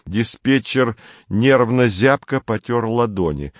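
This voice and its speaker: A man reading a story aloud in an even, measured way. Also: mid-range voice, no room sound, highs cut off. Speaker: narrator. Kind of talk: audiobook narration.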